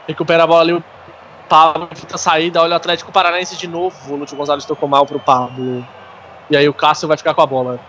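High-voiced Brazilian male football commentator. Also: little pitch movement, fast, bright, forceful tone, slight background noise. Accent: Brazilian Portuguese. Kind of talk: live football play-by-play.

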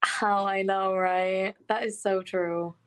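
A woman's voice: medium pitch, steady tone, slow, clean tone. A young woman, a co-host, chatting casually and saying "like" a lot, her voice coming through a phone connection. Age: young adult. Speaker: podcast co-host. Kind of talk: casual chat.

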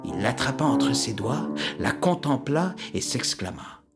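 Low creaky-voiced woman storyteller. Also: a little slow, music in the background. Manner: expressive, lively, with whispered asides. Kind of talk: storybook narration.

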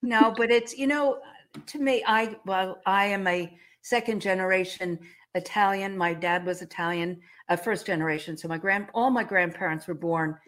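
A woman's voice: mid-range voice, moderate pace, fairly bright tone. A woman in her seventies hosting an interview, talking in a chatty way with many fillers and restarts, and coughing now and then. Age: 70s. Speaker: host. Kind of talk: casual interview chat.

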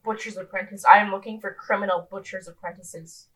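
A woman's voice: mid-range voice, fairly even intonation, fairly quick, fairly bright tone, poor audio. A woman in her twenties co-hosting a podcast in casual chat, rambling with lots of ums and restarts. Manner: rambling, self-deprecating, many ums and restarts. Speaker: podcast co-host.

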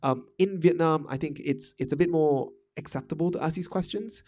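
At a normal pace, a Malaysian man with a slightly high, darkish voice hosts a podcast about management. He thinks aloud in a casual monologue, with frequent fillers and restarts.

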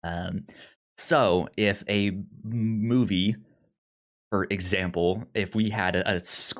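A man with a voice on the low side hosts a podcast, speaking slowly with fairly even intonation. The talk is casual and conversational, marked by frequent stammering and repeated syllables.

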